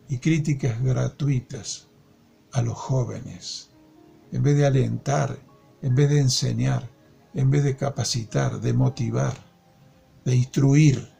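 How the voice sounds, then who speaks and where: A man leading a Bible study from a workbook, slow and deliberate, repeating key phrases and verses. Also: mid-range voice, gravelly, darkish tone, slightly rough. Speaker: discipleship teacher.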